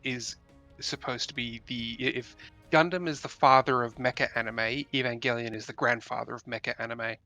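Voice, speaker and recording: A man makes casual conversation in a bright, mid-pitched voice. His delivery is hesitant, with stammered starts, and music plays in the background. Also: fairly even intonation, moderate pace. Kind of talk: casual chat.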